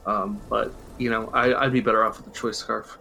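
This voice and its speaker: A man's voice: fairly low pitch, flat delivery, fairly quick, creaky, pushed and bright, a little hiss or hum. A man co-hosting a podcast in casual chat, explaining game strategy at length and chuckling often. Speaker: podcast co-host.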